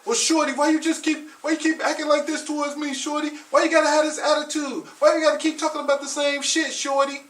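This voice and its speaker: A man's voice: extremely high pitch, level tone, quick pace, few pauses, fairly bright tone, voice pushed up. A man putting on the voice of a frustrated, immature young man who pleads over and over with his girlfriend. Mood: whiny frustrated. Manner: whiny, repetitive pleading. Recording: roomy echo, mic at a distance.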